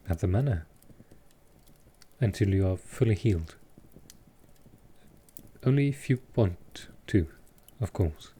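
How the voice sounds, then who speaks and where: Here the vampire is voiced deep and husky, heavily acted yet still gentle and courteous, a centuries-old figure in an intimate roleplay. The man speaks softly and without hurry, his tone calming, reassuring and caring.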